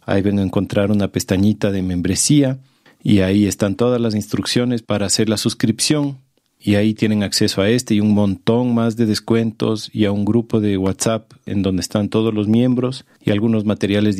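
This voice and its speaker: A man's voice: lowish voice, fairly even intonation, a little fast, warm tone, no echo, clean studio sound. A man hosting a podcast, talking in a casual, enthusiastic and informal way. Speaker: podcast host.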